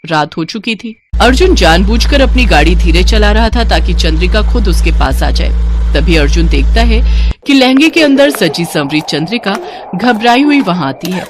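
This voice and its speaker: A woman giving scripted, measured storybook narration. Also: medium pitch, big pitch swings. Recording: noisy recording.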